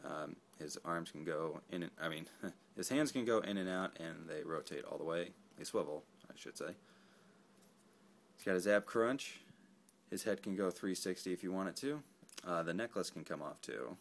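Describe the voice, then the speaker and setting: A man's voice: low-pitched, normal speed, gravelly, a little hiss or hum. A man casually reviewing an action figure, rambling and correcting himself as he goes. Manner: rambling, self-correcting, laid-back. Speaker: toy reviewer.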